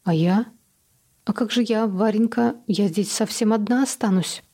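A woman's voice: medium pitch, moderate pace, mellow, breathy edge. A woman voicing a tearful, self-pitying middle-aged mother who asks plaintive, fretful questions. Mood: dismayed.

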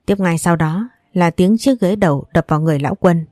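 A woman reads a novel aloud in first person with steady, even storybook narration. Her voice sits low and mellow, and the recording is dry and close with no room sound. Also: a little fast, no echo. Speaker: audiobook narrator.

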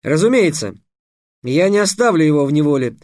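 Мужчина-чтец озвучивает гордого, вспыльчивого мальчика-ученика мага, громко восклицающего в обиде. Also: male voice, high-pitched, lively intonation, a little mellow, no echo, clean studio sound, voice pushed up. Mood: upset. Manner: exclaiming, quick to take offence. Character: proud, indignant teenage boy apprentice mage.

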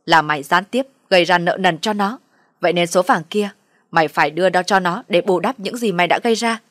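A woman voicing a bitter older mother-in-law who loudly blames and scolds. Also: fairly quick, no echo, clean studio sound, lightly acted. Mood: accusing. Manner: shrill loud scolding, accusing.

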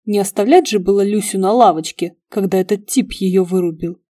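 A woman's voice: mid-range voice, fairly quick, warm tone, close to an everyday voice. Woman doing a grumpy jealous man.

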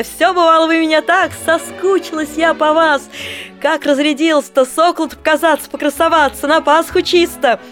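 A woman voicing a chorus of cheerful peasant bathhouse women who shout and tease in a sing-song way. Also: extremely high pitch, voice pushed up.

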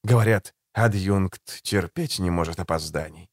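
A man's voice: low-pitched, a little slow, dry recording, studio quality, voice pushed down. A man doing a silky, sardonic assassin, Pearl. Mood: silky, ironic. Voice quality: soft, silky and condescending. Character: suave sardonic male assassin, low and smooth. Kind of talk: audiobook character voice.

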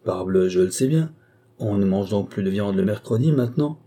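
A man reading aloud, voicing a boisterous older country gentleman who talks loudly and exclaims often. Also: lowish voice, expressive, moderate pace. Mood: hearty, blustering. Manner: loud, blustering, exclamatory.

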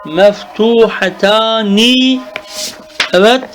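A man teaching Arabic grammar in a traditional madrasa style, drilling terms slowly and stopping to check that the student follows. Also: high-pitched, a bit bright, soft background music.

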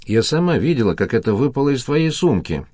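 A man's voice: mid-range voice, big pitch swings, fairly quick, a little mellow, no echo, clean studio sound, voice pushed up. A man voicing a vain, flighty young female pop star who gushes and takes offense easily. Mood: indignant.

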